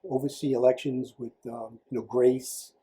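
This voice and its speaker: A man's voice: mid-range voice, flat delivery, normal speed, dark tone, slight background noise, poor audio. A man, a political candidate telling his story in a casual interview, rambling with many fillers and restarts. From Rhode Island.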